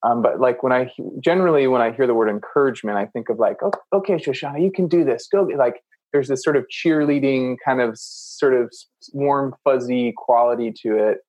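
A podcast host conducts a conversational interview, reflectively paraphrasing his guest, checking his understanding, and often affirming with "mm." His mid-range voice is fairly quick and a little mellow, and the audio is poor.

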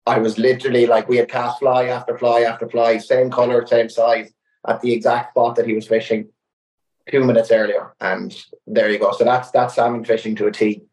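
A man's voice: medium pitch, brisk. A young man, telling a fishing story in casual chat, full of "like" fillers. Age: young adult. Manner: animated anecdote-telling with many "like" fillers. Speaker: guest angler. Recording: roomy echoey sound.

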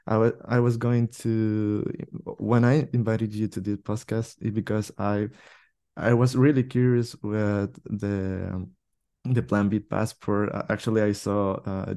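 A man's voice: lowish voice, creaky, dark tone. A man hosting a podcast, asking questions hesitantly with many fillers and restarts. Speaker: podcast host. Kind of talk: conversational interview.

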